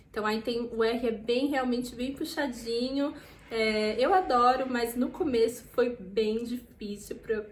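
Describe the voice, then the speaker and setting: A young woman with a São Paulo Brazilian Portuguese accent, vlogging a casual lesson and slowing down to model each word. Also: fairly high pitch. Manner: chatty, slows down to model words. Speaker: vlogger teaching French pronunciation. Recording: echoey room.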